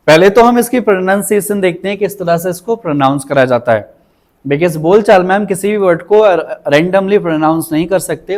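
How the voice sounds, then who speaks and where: Brief: high-pitched male tutor, patient, repeats words slowly. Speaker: English teacher. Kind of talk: vocabulary lesson.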